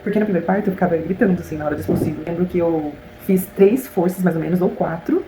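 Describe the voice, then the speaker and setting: Fast-talking Brazilian woman vlogger. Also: on the low side. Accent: Brazilian Portuguese. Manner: animated, chatty, frequent "gente" and "né" asides. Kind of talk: casual storytelling to viewers. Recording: echoey room with faint hiss.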